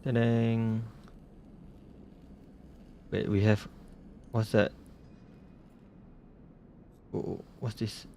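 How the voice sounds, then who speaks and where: A man's voice: fairly low pitch, flat delivery, drawn-out words, creaky, long pauses, a little mellow, a little hiss or hum. A man streaming a game, reading the story text aloud and muttering casual comments to himself.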